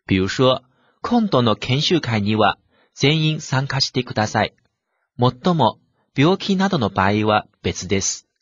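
A man's voice: medium pitch, very animated, normal speed, husky, no echo, highs cut off. A man teaching a vocabulary lesson. He works methodically through example sentences and translates each one. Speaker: language teacher. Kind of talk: vocabulary lesson explaining Japanese words.

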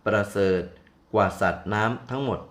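An older man voicing a gentle, devoted female elephant who speaks sweetly and soothingly. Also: fairly low pitch, moderate pace, natural voice.

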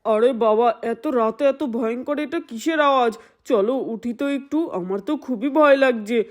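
A woman's voice: on the high side, normal speed, lightly acted. Woman doing a timid frightened man. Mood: scared. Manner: fearful, pleading. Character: timid adult man, older brother. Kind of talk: doll-play storytelling.

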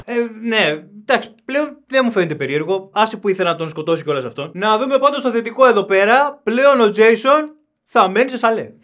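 A man giving sarcastic, animated running commentary while reviewing a horror film. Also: high-pitched. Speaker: movie reviewer. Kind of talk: casual comedic film commentary.

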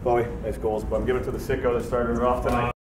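A man's voice: medium pitch, level tone, rapid-fire. A young man, a hockey player, giving a pep speech to teammates in a locker room. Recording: noisy echoey room, distant mic.

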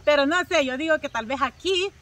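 A woman's voice: high voice, a little fast, fairly bright tone, recorded from a distance, a little hiss or hum. A Salvadoran woman chatting casually to her viewers, with lots of filler words and friendly asides to her audience. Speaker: vlogger.

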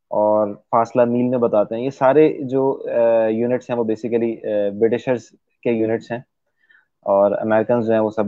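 A man's voice: fairly low pitch, dry recording. Hesitant man, tinny and dry. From Pakistan. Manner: hesitant, many drawn-out fillers. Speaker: interview guest. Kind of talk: explanatory conversation. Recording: dry, tinny phone-like sound.

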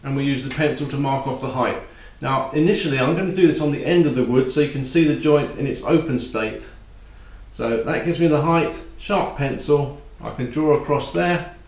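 A man giving a calm, practical woodworking tutorial while he works at a bench in his home workshop. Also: medium pitch, normal speed, echoey room. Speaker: woodworking instructor.

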